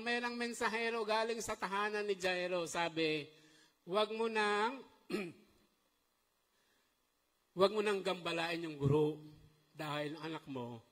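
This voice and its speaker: A middle-aged man preaching a sermon, lively and animated, often checking in with the congregation. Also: sits high, moderate pace, long pauses. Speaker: pastor. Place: church hall. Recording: long church-hall reverb.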